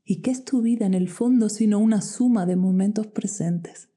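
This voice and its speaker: A woman guiding a meditation in a soft, slow voice that often drops to a whisper. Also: mid-range voice. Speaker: meditation guide. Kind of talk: guided meditation. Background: soft music with singing bowls.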